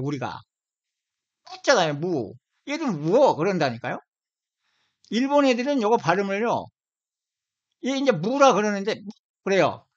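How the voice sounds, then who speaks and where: A man's voice: sits high, fairly bright tone. A man from Seoul giving an informal video lecture, emphatic, often repeating and stretching out single words. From Seoul, South Korea. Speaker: lecturer on language origins. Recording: dull lo-fi audio.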